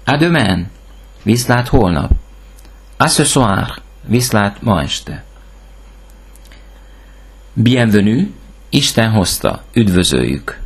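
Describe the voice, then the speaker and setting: Low-voiced guy reading out a language lesson word by word, a bit husky. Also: very animated. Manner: reads word lists, pausing after each item. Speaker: language teacher. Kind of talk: slow, clear language lesson.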